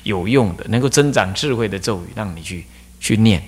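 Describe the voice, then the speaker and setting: A man voicing a master's kind wife, speaking softly and coaxingly. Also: on the low side, expressive, brisk, husky, voice pushed down. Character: kindly wife of a master, soft and sympathetic.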